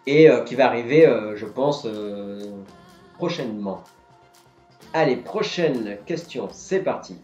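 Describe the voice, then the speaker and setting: A man's voice: mid-range voice, lively intonation, slow, a little mellow. A man hosting a live-streamed board game quiz, reading the questions and patiently explaining each answer. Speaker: quiz host. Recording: roomy, dull lo-fi sound, faint music.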